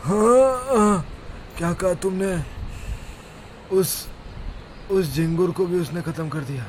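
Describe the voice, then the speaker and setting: A man's voice: high-pitched, slow pace, a little hiss or hum. A man doing a boastful bumbling village elder. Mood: mournful. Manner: scolding, rambling, full of himself. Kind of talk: animated cartoon voice acting.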